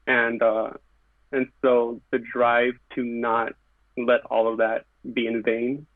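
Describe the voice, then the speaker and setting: Over a very dry, tinny phone-like connection without echo, a podcast guest from California who works as a background painter talks slowly in a medium-pitched monotone. The casual conversation finds him earnest and reflective, using short phrases and fillers.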